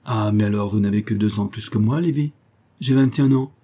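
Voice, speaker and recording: Reading an audiobook, a man voices a cheerful twenty-one-year-old soldier who teases his cousin in a breezy, lively way. His voice is on the low side and brisk, close to how he'd normally talk, with a teasing mood.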